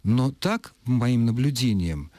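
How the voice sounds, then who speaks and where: A middle-aged man, a linguistics professor, explaining pronunciation in a measured, scholarly way on a radio talk show. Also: mid-range voice, expressive, warm tone, no echo. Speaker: linguistics professor answering letters. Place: radio studio.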